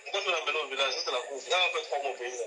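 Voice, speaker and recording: A man's voice: medium pitch, racing, bright, forceful tone, soft background music. A man answering in short replies over a speakerphone call. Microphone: heard over speakerphone.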